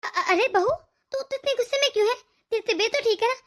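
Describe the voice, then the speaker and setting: A woman's voice: extremely high pitch, fast talker, voice pushed up. A woman voicing a middle-aged mother-in-law in a cartoon who fusses over and soothes her daughter-in-law. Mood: fussing. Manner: fussing, coaxing. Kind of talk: cartoon voice acting.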